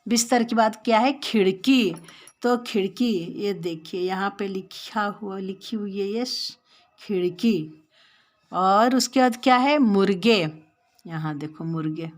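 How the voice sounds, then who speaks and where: A woman's voice: mid-range voice, a little slow. A woman with an Indian accent teaching a lesson to young children, patiently explaining step by step and repeating words. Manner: addresses the children directly.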